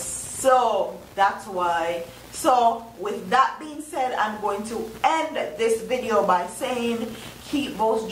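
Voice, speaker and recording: A Jamaican woman vlogging earnestly to her viewers, recorded in an echoing bathroom. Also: medium pitch. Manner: earnest, questioning, speaks to viewers directly. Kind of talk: casual vlog commentary. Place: bathroom while travelling. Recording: echoey bathroom, mic at a distance, faint background noise.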